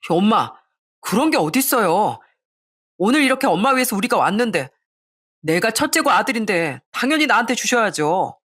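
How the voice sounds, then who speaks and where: A woman's voice: mid-range voice, sing-song, normal speed, fairly bright tone. A woman reading a grown son who pleads with his mother in a whiny, entitled way, in her own voice. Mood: pleading.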